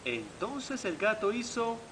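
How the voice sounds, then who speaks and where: A man reading a children's story aloud in an animated way, speaking to young listeners and imitating the animal sounds. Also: high voice, slow. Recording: noisy home video recording.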